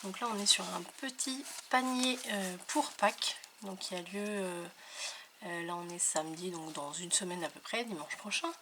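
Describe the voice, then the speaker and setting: A woman's voice: lowish voice, moderate pace, noisy background. A woman presenting her handmade craft in a casual, hesitant show-and-tell, with many filler sounds. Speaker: papercraft video maker.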